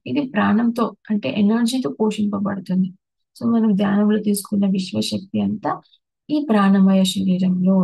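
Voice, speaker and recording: Woman, meditation teacher, mellow dark tone, dry close sound, patient step-by-step explainer. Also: mid-range voice, gravelly, slightly rough, no room sound, rough recording. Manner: explains patiently, lists terms one by one with restarts. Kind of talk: spiritual talk on emotions.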